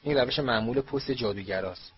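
A man's voice: mid-range voice, highs cut off, natural voice. A man voicing a defiant, cheeky teenage boy wizard in a raised voice, read from a storybook.

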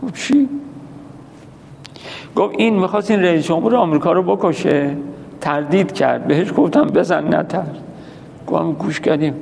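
A man's voice: a little high, vocal fry, darkish tone. A man giving an anecdotal religious lecture, telling stories with quoted dialogue and posing questions that he answers himself. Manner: storytelling that acts out quoted dialogue, asks and answers his own questions. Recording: reverberant hall, faint background noise.

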